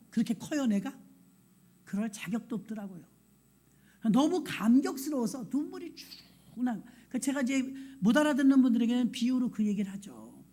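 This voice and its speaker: A woman's voice: on the high side, warm tone, husky. A woman pastor giving a conversational sermon, acting out little quoted exchanges and laughing now and then. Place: church sanctuary.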